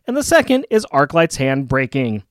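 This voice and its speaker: A man's voice: medium pitch, very animated, normal speed, no echo, studio quality. A man co-hosting a show, narrating a scripted comic book recap as playful storytelling. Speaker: podcast co-host.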